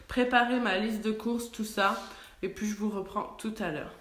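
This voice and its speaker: Chatty French mom vlogging at home. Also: female voice, mid-range voice, steady tone, moderate pace, a bit bright, echoey room. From France. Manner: chatty, full of fillers and restarts. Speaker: family vlogger. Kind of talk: casual vlog chat. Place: home kitchen. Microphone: handheld phone camera.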